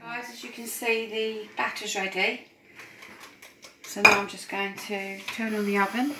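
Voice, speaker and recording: A woman's voice: mid-range voice, steady tone, measured pace, far from the mic, heavy background noise. Chatty woman in an echoey kitchen. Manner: chatty, encouraging, talks while whisking. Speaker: support worker cooking host. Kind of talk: casual cooking demonstration. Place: home kitchen, indoors. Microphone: phone camera at a distance. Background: clinking bowls and utensils.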